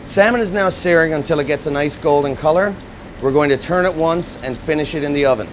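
Wearing a lapel mic at a restaurant kitchen's gas range, an executive chef walks through a dish step by step. His fairly high-pitched man's voice is fairly quick, his manner steady and instructive for this cooking demonstration, with slight background noise.

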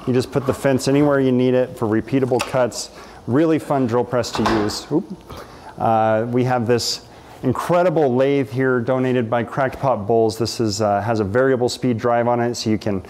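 A makerspace director in his thirties leads a casual, enthusiastic walking tour of a large workshop, gesturing and using many fillers. His medium-pitched, darkish voice is steady and moderately paced. A camera mic at medium distance picks up a little hiss or hum.

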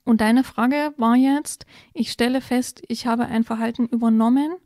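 A woman co-hosting a podcast, calmly explaining step-by-step advice in a casual conversation. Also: fairly high pitch, normal speed, dry recording, clean studio sound. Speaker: podcast co-host explaining parenting topics.

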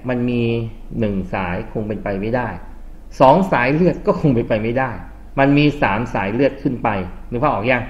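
A male English tutor teaching a classroom grammar lesson, quizzing students and mixing English terms into his explanations. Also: mid-range voice. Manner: quizzes students with frequent questions. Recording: dull lo-fi classroom recording.

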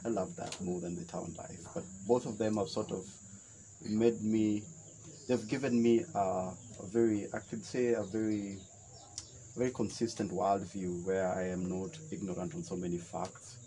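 A young Kenyan man talks outdoors on a veranda in a deep, low voice. He is reflective and halting, and often restarts his sentences. Faint insects and birds hum behind him. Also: fairly even intonation, warm tone, rough recording. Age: young adult. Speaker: interview guest. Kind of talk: relaxed outdoor conversation. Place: shaded veranda by a wetland, outdoors.

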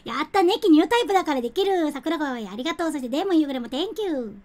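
A woman's voice: high-pitched, animated, racing, darkish tone. A young woman streaming a cooking game, chatting casually, giggling and thanking viewers as she plays. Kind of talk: casual live-stream chat.

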